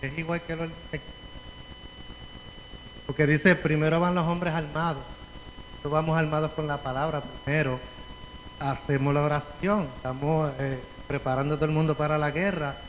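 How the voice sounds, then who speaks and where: A man's voice: a little high, steady tone, normal speed, long pauses. A man with a Puerto Rican accent earnestly explaining a Bible passage in church. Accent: Puerto Rican Spanish. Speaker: congregation member. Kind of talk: sharing a Bible reflection. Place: church sanctuary. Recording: church hall reverb, faint noise.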